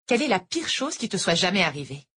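A woman's voice: medium pitch, very animated, quick pace, fairly bright tone, breathy edge, pitched above the performer's own voice. Woman reading as a bitter, moody tutor. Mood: brooding.

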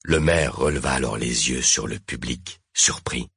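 A man reading a story aloud as narrator, slow and dramatic, with a husky voice, close to a dry microphone. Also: rumbling low, a bit bright, dry recording.

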